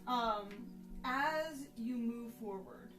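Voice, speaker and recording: A woman narrates a tabletop game as its game master, with a slightly high voice and slow delivery. She is recorded at some distance in an echoey room. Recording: echoey room, distant mic, music behind.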